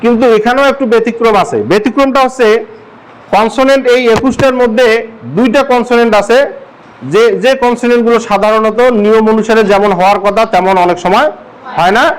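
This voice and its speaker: A man's voice: extremely high pitch, fairly even intonation, brisk, slight background noise, rough recording. A male English teacher from Bangladesh giving a classroom grammar lesson, asking the class the same question again and again. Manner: drills the class with repeated questions.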